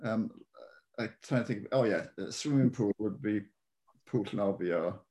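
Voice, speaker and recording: A man's voice: lowish voice, moderate pace, dark tone. A Welsh man, an author being interviewed, chatting casually and hesitantly with a Welsh accent. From Wales. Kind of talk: casual chat.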